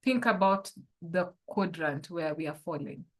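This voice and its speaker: A woman's voice: lowish voice, expressive, measured pace. A woman, a life coach leading an online workshop and posing reflective questions to her listeners over a video call.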